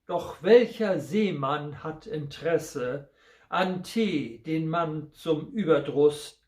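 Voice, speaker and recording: An older man with a Low German accent, reading comic poems aloud in a slow, measured way. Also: a little mellow. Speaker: reader. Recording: roomy echo.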